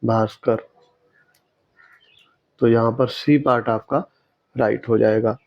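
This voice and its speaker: A man's voice: mid-range voice, fairly even intonation. Man explaining exam answers, lo-fi. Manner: explanatory, repeats words slowly to correct them. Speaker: teacher.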